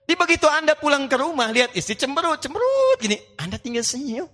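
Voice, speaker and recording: A man preaching a sermon to a live audience, playful and animated, acting out little dialogues and reciting Quranic verses. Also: very high voice, quick pace, long reverb tail.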